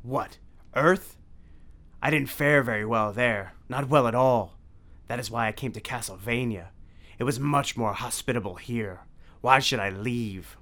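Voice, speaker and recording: A man's voice: mid-range voice, measured pace, a bit bright. A man voicing a menacing, theatrical male vampire count who sneers and mocks. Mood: indignant. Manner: sneering, mocking, grandiose.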